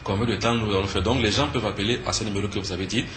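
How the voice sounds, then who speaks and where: This Cameroonian man, a spiritual teacher and conference speaker, teaches earnestly as a TV interview guest with a Cameroonian French accent. His voice is on the low side and steady in tone, and he talks rapid-fire, emphatic and fond of answering his own questions. An echoey room adds faint background noise.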